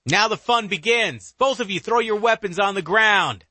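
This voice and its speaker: A man voicing a gloating, high-pitched killer. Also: normal speed, sharp tone, no room sound. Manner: gloating, taunting. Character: menacing male killer taunting from the dark.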